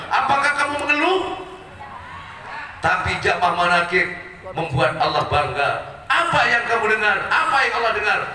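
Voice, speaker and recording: A man preaches to his congregation in a very high, bright, sharp voice. He fires off rhetorical questions and swings between shouted peaks and low murmurs. His voice rings through a big reverberant hall, picked up from a distance with faint ambient noise. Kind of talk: sermon to a congregation. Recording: echoey hall, distant mic.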